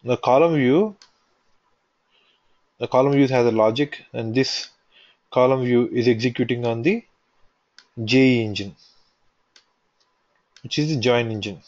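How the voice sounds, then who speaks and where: A man teaching a software tutorial, walking through a screen recording step by step and restating each point as he goes. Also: medium pitch, a little slow, pauses often. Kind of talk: screen-recorded technical walkthrough. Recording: dull lo-fi voice recording.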